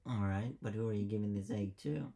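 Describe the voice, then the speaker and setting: A man's voice: lowish voice, a little fast, creaky, dark tone. A man acting as game master, casually narrating and explaining a tabletop game.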